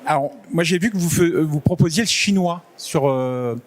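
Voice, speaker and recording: A man in the audience asking a question at a conference, halting and restarting often. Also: fairly high pitch. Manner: hesitant, many restarts. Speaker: audience member.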